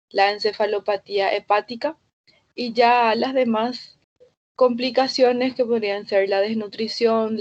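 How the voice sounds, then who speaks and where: A woman giving a recorded medical lecture, listing causes and complications in a steady, methodical way. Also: medium pitch, lo-fi sound.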